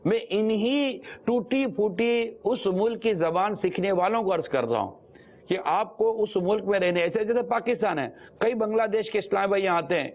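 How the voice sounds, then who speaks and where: A man from Pakistan giving an earnest religious talk as a preacher, often repeating his phrases to drive a point home. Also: high voice. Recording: tinny phone-like sound.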